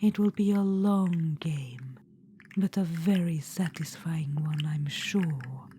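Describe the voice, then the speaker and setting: In this whispered ASMR roleplay, a deep-voiced woman takes her time, with a little noise behind her. Her soft, unvoiced whisper brings to life a silky, coaxing and condescending witch-queen spirit, ancient, undead and scheming, who keeps calling the listener darling.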